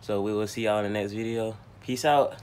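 A young man chats through a casual home vlog. His voice sits low and relaxed, full of slang and quick laughs. The phone recording carries clear background noise. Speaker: vlogger. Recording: noisy phone video.

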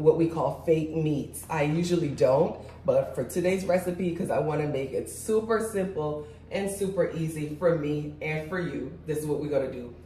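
A congested woman in her forties, whose voice is a little off, hosts a cooking channel, chatting viewers through each step of a demonstration in her large home kitchen. Her voice is low and mellow. Captured by a far-off camera, the audio sounds echoey and distant, with slight background noise.

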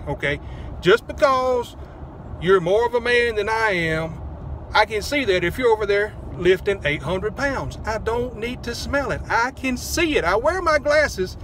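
Guy rambling and cracking jokes in his car, kinda high voice, faint traffic outside. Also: a bit bright. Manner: joking, rambling, self-deprecating. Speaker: vlogger. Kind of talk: casual car vlog. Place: parked car. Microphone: phone held close.

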